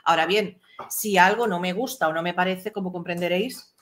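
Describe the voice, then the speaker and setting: A woman on a livestream chat, speaking in a calm, measured and firm way. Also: on the low side, a little hiss or hum. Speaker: livestream guest.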